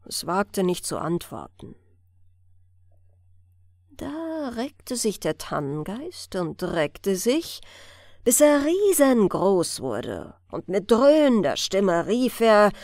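A woman reading a fairy tale aloud as a bedtime story, soothing and expressive, close to the microphone. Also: medium pitch, slow, no room sound. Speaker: audiobook reader.

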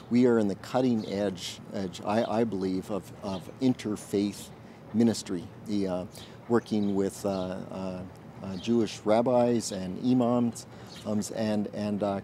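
A man in his forties, a military chaplain, answers interview questions outdoors in an earnest, thoughtful way and pauses often to find his words. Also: on the low side, dark tone, a little hiss or hum. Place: outdoors in a garden.

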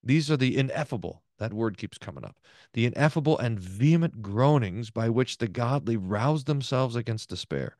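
Middle-aged male pastor, Bible class, lively and thinking aloud, dry close sound. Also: mid-range voice, normal speed, no echo. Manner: lively, repeats words and restarts while thinking aloud. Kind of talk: Bible class teaching, reading aloud and explaining.

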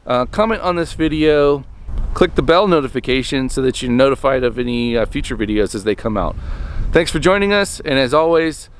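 Talking outdoors on his farmstead, a man in his thirties who vlogs about homesteading speaks into a handheld camera at arm's length. He's animated and brisk, with a mid-range voice, rambling casually through many ums and restarts.

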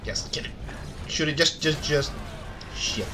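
A man playing a video game with a friend, joking around, laughing and shouting at the action. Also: on the high side, a little slow, background noise. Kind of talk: casual gaming chat.

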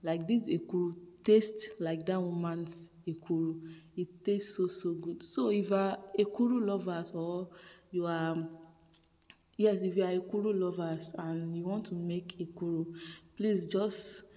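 A woman's voice: lowish voice, steady tone, measured pace, warm tone, in a large hall. A woman chatting through a home cooking vlog voice-over, repeating words for emphasis. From Nigeria. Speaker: cooking vlogger. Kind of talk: casual voice-over narration.

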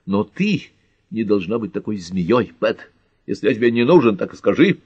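A man voicing a jealous, hot-tempered young man in an audiobook, accusing and shouting. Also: fairly low pitch, sing-song, normal speed, breathy edge, no room sound, muffled recording, full character voice. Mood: angry.

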